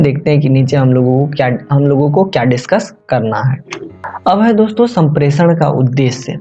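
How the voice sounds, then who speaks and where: A man explains a course chapter in a dark, mellow voice, going point by point and restating each idea in other words. The recording is a little dull and lo-fi, with faint music underneath. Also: on the high side. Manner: explains step by step, repeating points with "that is" and "or we can say". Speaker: tutor.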